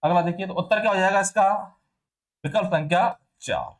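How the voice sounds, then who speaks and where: Speaking a little fast in a high-pitched voice, a male teacher walks through the answers to a test. He asks questions and answers them on his own, repeating sounds and words to demonstrate pronunciation.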